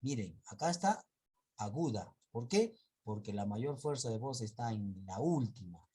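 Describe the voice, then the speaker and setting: A man's voice: on the low side, animated, mellow, slightly rough. A male teacher giving an online class, patiently drawing out example words and often correcting himself and checking in with students. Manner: patient, drawn-out word examples.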